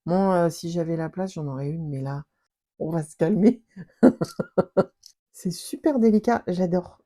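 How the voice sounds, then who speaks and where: A woman vlogger chatting casually as she opens packages, gushing with exclamations and sometimes dropping into soft whispers. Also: on the low side, unhurried. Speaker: scrapbooking vlogger. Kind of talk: casual unboxing chat.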